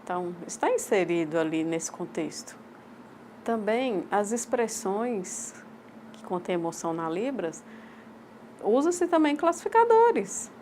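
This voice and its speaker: A woman with a Brazilian accent voicing a sign language teacher's lecture aloud, in measured, halting short phrases. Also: on the high side, a little mellow, a little hiss or hum. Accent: Brazilian Portuguese. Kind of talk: voiced interpretation of a lecture.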